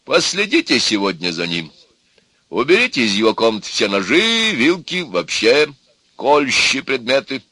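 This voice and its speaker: A man voicing a stern, excitable old grandfather who lectures and exclaims. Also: medium pitch, moderate pace, husky, dry recording, voice pushed up, full character voice.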